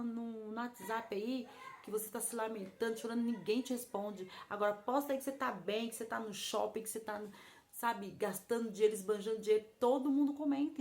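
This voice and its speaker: A stern, commanding divine voice scolds with urgent, repeated orders, as a woman acts it out. The tone is a little gravelly and lively in pitch. It rises above her usual speaking voice.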